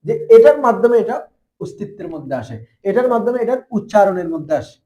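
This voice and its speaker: Quick, expressive and mellow, a man with a high-pitched voice leads a madrasa class in Arabic grammar. He questions his pupils constantly, mostly in rhetorical form.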